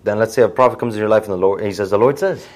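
A man giving live English interpretation of a sermon, quick and plain, echoing the preacher's quotes. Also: fairly low pitch, steady tone, darkish tone.

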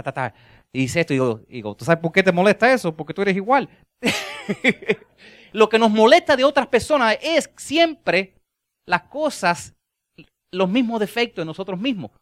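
A male preacher, a Spanish speaker, with a somewhat high and very lively voice that drops to quiet, low endings and then climbs to loud, emphatic lines. The recording is dry and close, with no room echo. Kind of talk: sermon.

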